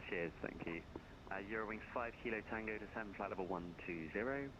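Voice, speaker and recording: A man working as an air traffic controller, giving clipped radio instructions while his mic keeps cutting out, so his volume comes and goes. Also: lowish voice. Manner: brisk, routine, fumbles briefly when searching. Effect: mic keeps cutting out, uneven volume. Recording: lo-fi noisy radio line.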